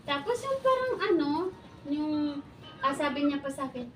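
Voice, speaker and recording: A middle-aged woman with a high voice tells a story from her past in easy chat. She acts out what everyone said, keeps bursting into laughter, and sounds roomy and a little distant from the mic. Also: normal speed, a little hiss or hum. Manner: animated storytelling, acting out quoted exchanges, laughing often. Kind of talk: casual chat.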